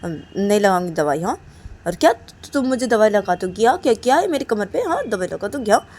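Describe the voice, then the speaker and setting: A woman's voice: medium pitch, big pitch swings, a little fast, darkish tone. A woman voicing a stubborn, angry young woman who snaps back with scolding retorts. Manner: scolding, snapping retorts of "haan?".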